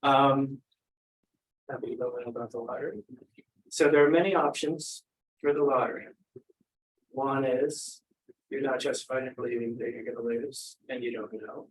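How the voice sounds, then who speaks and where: A man's voice: medium pitch, steady tone, normal speed, long pauses, rough recording. A man giving a philosophy talk and answering questions, thinking aloud with frequent restarts. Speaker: speaker. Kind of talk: academic talk and Q&A.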